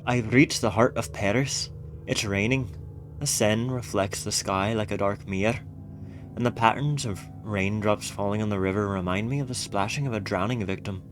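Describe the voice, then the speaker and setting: A man reading aloud the lines of a sinister game agent who reports to a dark mistress. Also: on the low side, moderate pace, music in the background, close to an everyday voice. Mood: ominous. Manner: read aloud from on-screen game text.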